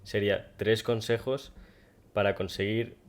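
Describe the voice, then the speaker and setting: Deep flat voiced host guy, lots of ehs, asking questions. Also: a little slow. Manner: hesitant questions with many fillers. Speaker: podcast host. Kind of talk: interview questions.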